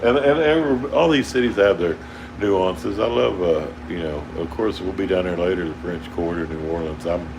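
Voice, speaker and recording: Chatting with his livestream viewers from aboard a towboat, a low-voiced man with an Oklahoma drawl speaks at normal speed. He's rambling and casual, chuckling frequently, while an air conditioner hums steadily in the background.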